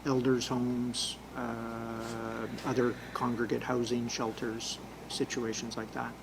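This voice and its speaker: A man answering questions as a public health official at a press briefing, explaining things in measured, careful wording. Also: medium pitch, completely flat delivery, vocal fry, background noise.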